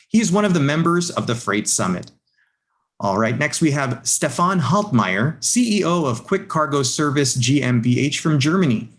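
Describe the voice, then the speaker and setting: Courteous male webinar host. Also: medium pitch. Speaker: panel host. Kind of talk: webinar moderating. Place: remote online panel.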